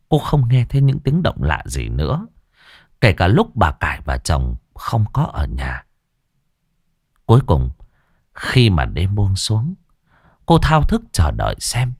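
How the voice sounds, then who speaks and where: A man's voice: lowish voice, darkish tone, no echo, clean studio sound. A man narrating a ghost story with a dramatic delivery.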